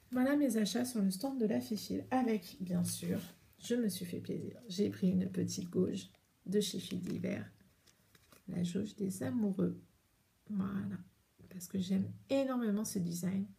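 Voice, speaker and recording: A woman's voice: mid-range voice, vocal fry, dark tone. A French woman hosting a knitting podcast, chatting casually and rambling with many hesitations as she shows her yarn. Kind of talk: casual chat showing yarn to camera.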